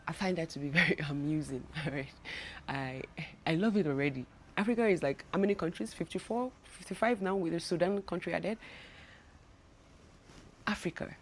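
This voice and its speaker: Talking to camera in a travel vlog, this young woman with a Nigerian accent is chatty and keeps restarting and repeating words. She has a lowish voice, and a little hiss or hum can be heard.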